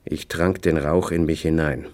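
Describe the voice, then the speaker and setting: A man reading a novel aloud in the first person, with measured, dry storytelling. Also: very deep voice, steady tone, darkish tone. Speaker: audiobook narrator. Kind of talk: scripted first-person narration.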